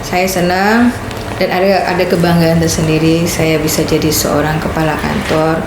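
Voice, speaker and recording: A woman in her fifties from Medan, the head of a land office, telling her story as a guest in a casual podcast interview in a lively, proud way. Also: moderate pace. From Medan, Indonesia. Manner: animated, with big pitch swings and a proud tone. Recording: echoey room with background noise.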